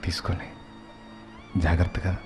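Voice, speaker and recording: Brief: man doing a trusting old mother-in-law, hushed, low and gentle. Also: little pitch movement, moderate pace, over loud music, natural voice. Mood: tender. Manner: soft, low, gentle pleading. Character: loving elderly mother-in-law, tender and trusting.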